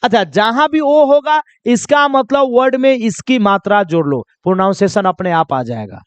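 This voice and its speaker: A man's voice: high-pitched, animated, moderate pace, smooth, dry recording, dull audio. A man teaching pronunciation rules in a classroom-style lesson, constantly quizzing his listeners with repeated questions and calling them children. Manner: drills with repeated quiz questions; addresses viewers as children.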